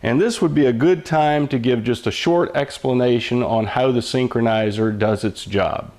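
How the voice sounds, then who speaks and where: A man's voice: mid-range voice, moderate pace, darkish tone. An older man explains hands-on mechanical work step by step, like an old machinist, in a patient, folksy, plain-spoken way. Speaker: mechanic giving instruction.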